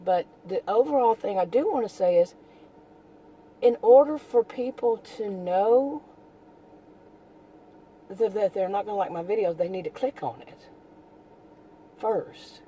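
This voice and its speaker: A woman's voice: mid-range voice, animated, unhurried, long pauses, mellow, slight background noise, rough recording. A woman YouTuber with a soothing voice talking in a casual vlog monologue, rambling, easily distracted and trailing off mid-thought.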